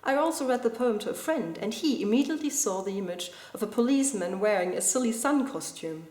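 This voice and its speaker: A woman calmly walking through a close reading of a poem, in a measured, explanatory way. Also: a little high. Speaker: video blogger explaining a poem. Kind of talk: scripted literary analysis. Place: school building indoors. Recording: echoey room.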